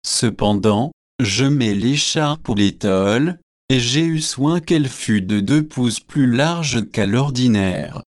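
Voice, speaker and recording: A man voicing a pompous, earnest young male curate, speaking gravely and with self-satisfaction. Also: mid-range voice, lively intonation, slow pace, no echo, clean studio sound.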